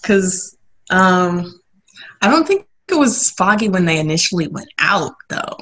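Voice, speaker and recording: A woman's voice: fairly low pitch, big pitch swings, a bit bright, low-quality recording. A woman in her twenties co-hosting a casual podcast, reasoning through her points one by one. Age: 20s. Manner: slow and reasoning, lays out points. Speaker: podcast co-host.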